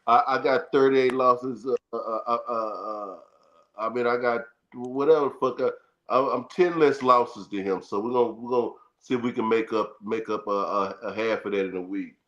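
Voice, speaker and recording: A man co-hosting a live fantasy football stream, teasing and animated, stumbling over his words and talking to the audience. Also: medium pitch, moderate pace, lo-fi sound. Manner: animated, teasing, stumbles and repeats himself, addresses the audience as y'all. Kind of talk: casual live-stream banter.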